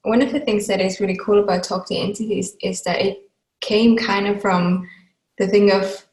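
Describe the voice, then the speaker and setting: A woman's voice: mid-range voice, steady tone, normal speed, darkish tone. A woman from Finland hosting a casual online talk, chatty and loose, with many fillers and laughs. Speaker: host. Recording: echoey room sound.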